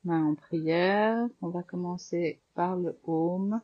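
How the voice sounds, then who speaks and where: A woman with a French accent guiding a yoga class, giving calm, slow cues with breath counts. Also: lowish voice, dry recording, highs cut off. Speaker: yoga teacher. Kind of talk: guided yoga class instruction.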